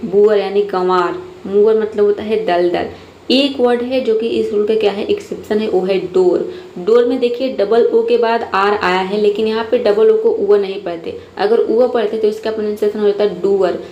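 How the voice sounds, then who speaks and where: A woman's voice: mid-range voice, a little mellow. A woman teaching English pronunciation rules step by step in a patient, methodical way. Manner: patient, methodical, repeats "ठीक है" often. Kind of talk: phonics lesson explaining rules step by step. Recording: echoey room, faint noise.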